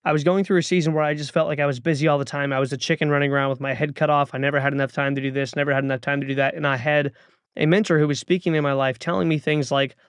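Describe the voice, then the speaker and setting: Thirties male podcast host; earnest motivational monologue, urging and repetitive; gravelly, dry close-mic. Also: fairly high pitch, steady tone, very fast, no echo. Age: 30s.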